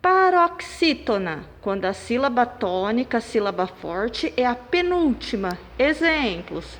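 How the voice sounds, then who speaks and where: A woman, a primary school teacher taking children through a worksheet. She speaks slowly and punches out stressed syllables. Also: on the high side, sing-song. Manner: slow, clapping out syllables and stressing them loudly. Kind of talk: recorded remote lesson for children. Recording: long reverb, room echo.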